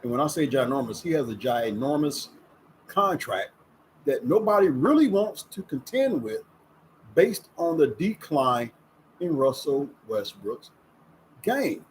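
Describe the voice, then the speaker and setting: In a mid-range, sing-song voice and a slightly slow pace, a man in his fifties gives casual sports commentary on his vlog, folksy and stressing words. The rough recording, made on a camera with ring light, has slight background noise.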